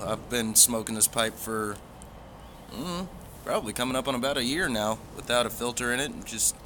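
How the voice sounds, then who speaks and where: A man's voice: medium pitch, bright, forceful tone, slight background noise. A man chatting casually to a livestream as a pipe hobby vlogger, in a rambling, easygoing way with folksy phrasing.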